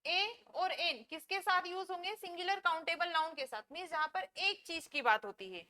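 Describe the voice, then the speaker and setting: A woman with an Indian English accent teaching a classroom lecture, explaining slowly and asking and answering her own questions. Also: very high-pitched, animated, bright, forceful tone.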